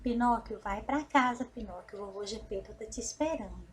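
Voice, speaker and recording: A kindly, stern storybook fairy, voiced by a woman storyteller. She scolds gently in a high, light voice close to the teller's own. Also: a little fast, close to an everyday voice.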